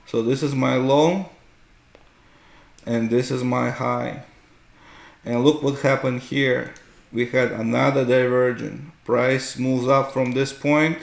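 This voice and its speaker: A market analyst hosts an unscripted chart tutorial, speaking slowly in a gravelly, medium-pitched voice with a steady tone. He explains things patiently and keeps checking in with "right?" The room sounds roomy and echoey.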